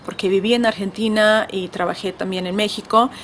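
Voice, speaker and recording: A woman's voice: medium pitch, steady tone, fairly quick, fairly bright tone, slight background noise. A woman hosting a podcast, speaking Spanish in a thoughtful personal monologue. Her accent shifts between several varieties, and she often restarts her phrases. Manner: thoughtful, with frequent restarts and fillers. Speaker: podcast host and language author. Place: California.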